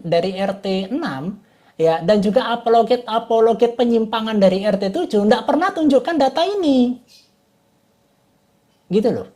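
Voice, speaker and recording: A woman gives a casual online lecture over a computer mic. Her voice sits a little high yet sounds mellow and warm. She talks in a chatty, repetitive way, often asking whether everyone follows. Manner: chatty, repeats "gitu loh" and "Bapak Ibu". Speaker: online class teacher.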